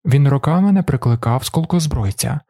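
Husky male audiobook narrator. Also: mid-range voice, animated, normal speed, warm tone, no echo, studio quality. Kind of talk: scripted narration.

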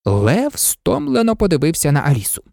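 Animated male storybook narrator, gravelly. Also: on the high side, moderate pace, dry recording, studio quality. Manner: animated, swooping up and down. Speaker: storybook reader.

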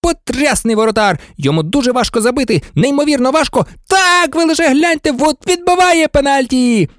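A man reading an audiobook, voicing an excitable, openly biased teenage boy commentating a match. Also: very high-pitched, no room sound, studio quality, pitched above the performer's own voice. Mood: excited. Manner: rapid-fire, shouting, openly biased. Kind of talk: audiobook character voice.

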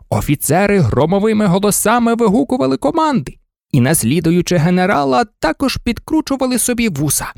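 A narrator reading a children's storybook aloud with an expressive delivery. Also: medium pitch, vocal fry, no room sound, studio quality. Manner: expressive, animated. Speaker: audiobook narrator.

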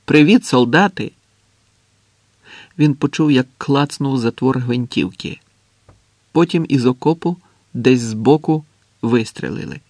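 A man narrating a novel as an audiobook in a measured, even manner. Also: medium pitch, dry recording. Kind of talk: scripted narration.

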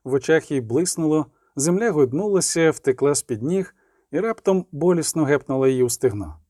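Male audiobook narrator, higher-pitched, mellow, measured, dry close sound. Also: expressive, dry recording. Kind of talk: scripted narration.

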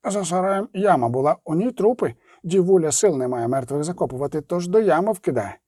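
A man's voice: a little high, animated, fairly quick, mellow, dry recording, studio quality. A man voicing a frightened young male gnome scout who talks in a breathless, trembling way. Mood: shaken. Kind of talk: audiobook character reading.

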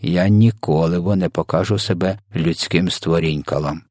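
A man voicing a big, kind old giant who talks slowly and mangles his words. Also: low voice, a little mellow, no room sound, clean studio sound. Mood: gentle, stubborn.

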